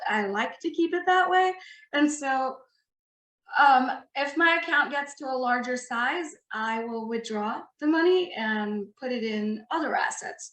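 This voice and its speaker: A woman presenting a live trading webinar, talking excitedly and quickly as she walks through her screen. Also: fairly high pitch, roomy sound, low-quality recording. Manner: excitable, fast-talking, chatty. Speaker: guest trader presenting a webinar.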